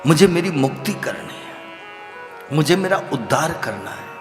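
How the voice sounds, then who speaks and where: A man giving an animated devotional scripture discourse as a religious storyteller, sometimes rising to loud exclamations. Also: a little high, moderate pace, roomy sound, long reverb tail, over music. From Rajasthan, India.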